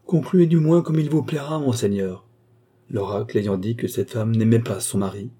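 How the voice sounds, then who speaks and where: A man reading aloud and voicing a cunning male count, a smooth mystic adventurer, in a persuasive, confidential manner. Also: medium pitch, moderate pace, warm tone, close to an everyday voice. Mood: assured.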